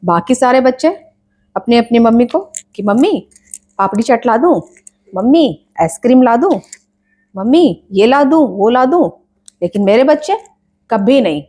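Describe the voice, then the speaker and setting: A woman playing a complaining, scolding mother in a comedy sketch, nagging in quick bursts. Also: on the high side, animated, darkish tone, natural voice.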